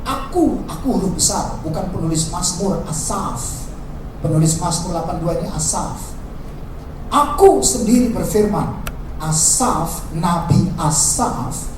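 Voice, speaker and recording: A pastor preaching a lively sermon, acting out quoted lines in a raised voice. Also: male voice, sits high. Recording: echoey hall, distant mic, background noise.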